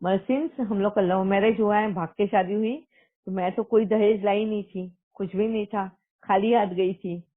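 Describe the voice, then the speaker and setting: A woman's voice: medium pitch, fairly even intonation, moderate pace. A woman speaking earnestly as a spiritual speaker, recounting a personal testimony and mixing English words into Hindi. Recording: tinny phone-like audio.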